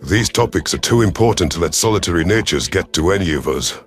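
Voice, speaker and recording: A man with a deep, animated voice plays a commanding alien predator rebel chief in an audio drama set over music. As the shrewd, stern military leader, he narrates his own story and speaks dialogue in a formal, measured, authoritative manner.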